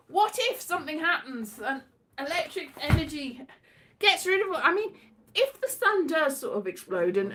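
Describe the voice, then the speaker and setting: A British woman who is a voice actor hosts a casual livestream, rambling in a whimsical, theatrical way with bits of singing. Her voice is high-pitched and a bit bright, with a British English accent.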